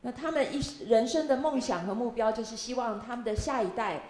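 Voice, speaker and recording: Higher-voiced woman interpreting a sermon. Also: darkish tone. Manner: quick chunks with frequent fillers. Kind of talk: consecutive interpreting at a church talk.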